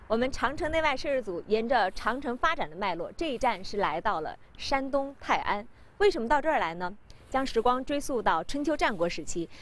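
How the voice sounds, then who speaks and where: A woman hosting a travel show on location, presenting in a friendly, expressive way. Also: a little high, a little hiss or hum.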